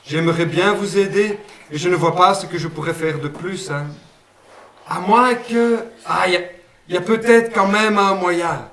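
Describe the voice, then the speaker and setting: Voicing a kindly, homely male guardian angel with a Brussels accent, a man speaks at a measured pace, fond of saying "une fois" and "hein". His voice sits high with a fairly bright tone. Recorded at a distance in a roomy space, with a little hiss or hum.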